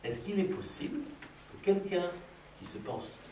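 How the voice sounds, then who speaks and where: The speaker is a middle-aged man with a high voice, lively intonation and a darkish tone, talking a little slowly. As a philosophy workshop leader for children, he puts Socratic questions to a school class that are playful, probing and teasing. The audio is roomy and distant, with faint background noise.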